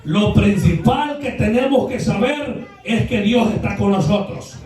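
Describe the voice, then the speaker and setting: A high-pitched man preaches in a church, mixing folksy anecdotes with loud, shouted bursts of praise. His voice rings through a very echoey hall. He sounds set back from the microphone. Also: expressive, measured pace, recorded from a distance. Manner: folksy storytelling, rising to shouted exhortation. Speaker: pastor. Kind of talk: sermon. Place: church sanctuary.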